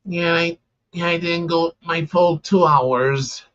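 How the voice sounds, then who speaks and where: A man hosting a casual live stream, tired and sleepy, talking slowly with lots of "yeah" fillers. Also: fairly high pitch, lo-fi sound. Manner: slow, relaxed, many "yeah" fillers, tired and yawning.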